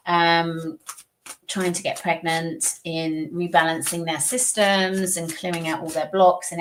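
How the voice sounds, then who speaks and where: A woman with a lowish voice runs a live-stream tarot reading over a streaming setup, with background noise audible. Her manner is chatty and spiritually reassuring, and she tends to repeat herself.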